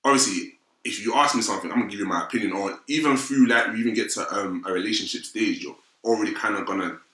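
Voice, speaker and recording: Young London man, roadman accent and slang, low forceful voice, roomy echo. Casual, opinionated panel talk. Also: fast. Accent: London, urban street style. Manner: London roadman slang, frequent "fam" and "innit". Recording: roomy, echoing sound.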